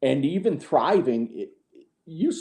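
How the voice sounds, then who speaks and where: A man's voice: fairly high pitch, lively intonation, takes it slowly, dark tone. Frank middle-aged man in an echoey room. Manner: frank and sarcastic, with many restarts. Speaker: podcast guest. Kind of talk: candid conversational interview.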